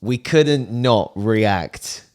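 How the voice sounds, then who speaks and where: A man co-hosting a music reaction video, chatting casually, slangy and quick to laugh. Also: on the low side, lively intonation, a little mellow. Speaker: music reaction channel co-host.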